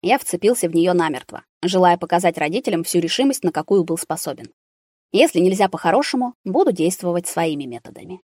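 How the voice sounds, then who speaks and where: A woman reading a novel aloud as scripted narration, calm and even. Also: fairly low pitch, quick pace, dry recording, studio quality. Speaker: audiobook narrator.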